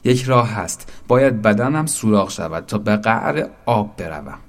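A man voicing a small, naive wooden boat in a storybook, full of excited, eager questions. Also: on the low side. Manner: excited, breathless questions, shouting. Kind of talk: storybook narration.

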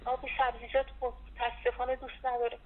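A woman in her sixties, a patient's wife calling for advice, with a gravelly voice. She is agreeable and keeps affirming, heard over a landline phone line. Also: a little high, completely flat delivery. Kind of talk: phone consultation. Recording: tinny phone line with faint hiss.

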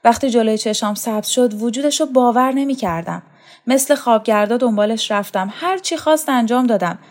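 A woman's voice: on the high side, a little mellow, pitched above the performer's own voice, natural voice. A woman reading a story, voicing a lovesick young man who pleads in an impassioned, raised voice. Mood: yearning. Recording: faint music underneath.

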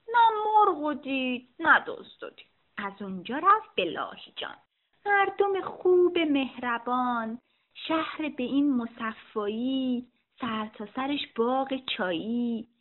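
A woman reading a rhymed children's story aloud in a rhythmic, sing-song way. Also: sits high. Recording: tinny phone-like sound.

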